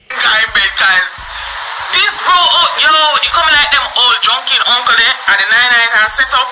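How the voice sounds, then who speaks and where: An exclamatory, theatrical speaker with a Jamaican accent, giving animated commentary in patois to a chat. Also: medium pitch, moderate pace. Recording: very noisy recording.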